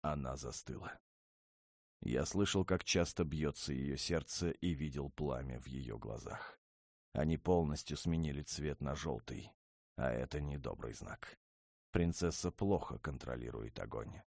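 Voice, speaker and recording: A man narrating a fantasy audiobook in the first person, steady and even. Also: very deep voice, measured pace, gravelly, no room sound, clean studio sound.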